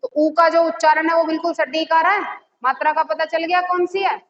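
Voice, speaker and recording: Lady teacher w high voice asking the class stuff n answering it herself, dullish echoey audio. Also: fairly even intonation. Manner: asks the class questions and answers them herself; repeats key words slowly. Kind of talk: classroom lesson. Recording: echoey, slightly dull audio with faint noise.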